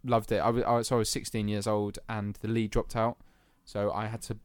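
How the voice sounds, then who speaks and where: A man's voice: lowish voice, little pitch movement, fairly quick, dry recording. A young man from England, chatting casually on a podcast, laughing easily and using plenty of fillers. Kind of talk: casual chat.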